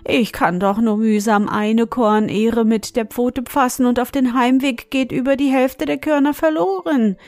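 Eine Frau spielt eine jammernde, hungrige Maus. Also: female voice, fairly high pitch, fairly even intonation, a little slow, hardly any pauses, darkish tone, no room sound, faint music behind. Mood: pleading. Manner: wailing, pleading and sobbing. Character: whiny hungry female mouse beggar.

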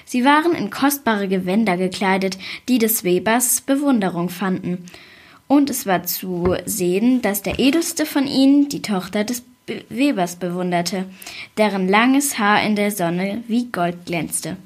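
A woman reading a fairy tale aloud in a calm, even storytelling manner. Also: mid-range voice, a little slow. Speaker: story reader.

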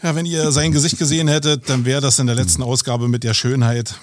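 A man's voice: medium pitch, fairly even intonation, quick pace. A man hosting a podcast in casual chat, joking and playful, with frequent fillers. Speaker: podcast host.

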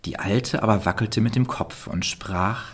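Deep-voiced man reading a fairy tale. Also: breathy edge. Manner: calm, measured storytelling. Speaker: storyteller.

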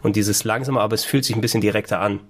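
Low-voiced man hosting a casual chat. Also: fairly even intonation, rapid-fire. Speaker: host of a video game discussion.

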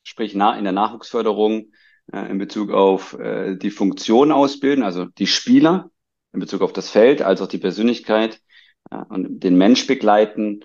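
A man hosts a conversational podcast interview in a gravelly voice that sits on the low side. He often stops and rephrases his sentences mid-thought, and the recording sounds dull and lo-fi. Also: normal speed, darkish tone. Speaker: podcast host.

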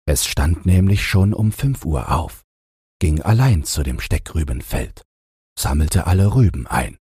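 A man narrating a fairy-tale audiobook in slow, expressive storytelling, with a deep, gravelly, husky voice. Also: no echo, studio quality.

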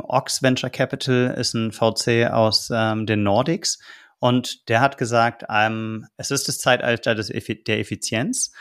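A man hosting a podcast interview, asking long, measured questions with frequent ums. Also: medium pitch. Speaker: podcast host.

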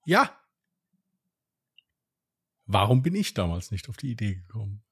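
A man's voice: fairly low pitch, sing-song, a little slow, a bit bright, husky. A man co-hosting a podcast in casual chat, rambling and self-deprecating with many restarts. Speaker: podcast co-host.

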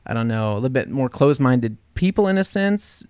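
A man's voice: mid-range voice, a little fast, clear, resonant tone, no room sound. A man from New Orleans hosting a casual interview, telling stories with acted-out voices and frequent laughter. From New Orleans, USA. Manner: animated storyteller, acts out quoted voices, laughs often. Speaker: podcast host.

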